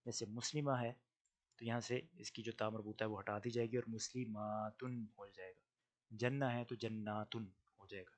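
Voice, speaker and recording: A man teaching Arabic grammar in an online lesson, explaining patiently and slowly drilling pairs of words. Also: lowish voice, little pitch movement. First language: Urdu.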